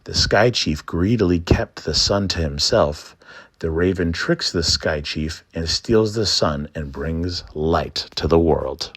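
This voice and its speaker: A man narrating a scripted trickster folktale and explaining it in an expressive storytelling manner. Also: low voice, slow pace. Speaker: storyteller and presenter.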